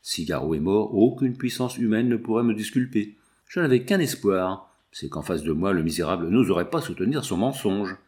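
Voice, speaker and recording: Man voicing a young widowed mother, pleading, raised pitch, emotional. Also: lively intonation, normal speed, a little mellow, close to an everyday voice. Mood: despairing.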